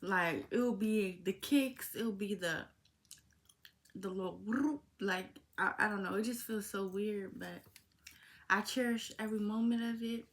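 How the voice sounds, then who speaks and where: An eighteen-year-old woman talking casually to her viewers in a heartfelt vlog Q&A, calling them y'all. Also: mid-range voice. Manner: talks slowly, informal and heartfelt, addresses viewers as y'all. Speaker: vlogger. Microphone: phone.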